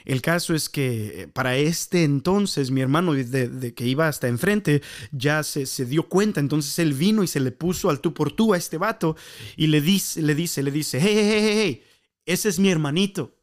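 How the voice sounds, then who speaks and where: A man's voice: on the high side, expressive, normal speed. Chatty Mexican man telling a story. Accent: Mexican Spanish. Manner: rambling, lots of fillers and repeats, laughs at himself. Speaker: podcast host. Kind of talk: casual storytelling monologue.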